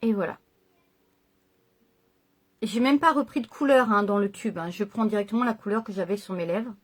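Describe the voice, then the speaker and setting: A middle-aged woman, a makeup vlogger, talks casually through a tutorial at home in a mid-range voice at a moderate pace. She hesitates and corrects herself as she goes.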